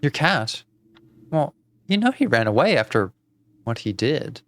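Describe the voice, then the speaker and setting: A man voicing a sinister, soft-spoken aunt in a video game, speaking low and hushed like a lullaby. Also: sing-song, unhurried.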